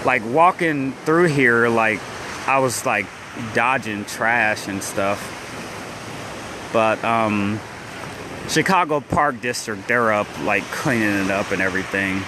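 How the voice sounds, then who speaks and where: Walking a dawn beach with his phone, a young vlogger chats casually on a livestream in a fairly low voice, speaking slowly. His downstate Illinois accent reflects his central Illinois roots, and his talk wanders with frequent restarts and "like" fillers. Surf and waves crash loudly behind him on the phone video.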